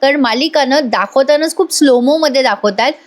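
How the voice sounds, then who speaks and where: A woman's voice: high-pitched, fairly quick. A woman doing a chatty voice-over recap of a TV serial, talking straight to her viewers. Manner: chatty, addresses viewers directly. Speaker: TV serial reviewer.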